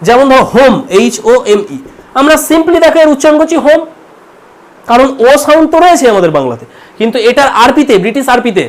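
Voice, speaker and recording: Fast-talking teacher from India. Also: male voice, very high voice. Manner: explanatory, repeats words slowly to model sounds. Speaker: English teacher. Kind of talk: online pronunciation lesson.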